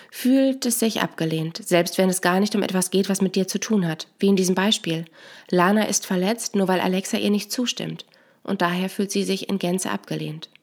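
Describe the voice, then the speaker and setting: A woman narrating a scripted story that explains everyday behaviour in a calm, explanatory way. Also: mid-range voice.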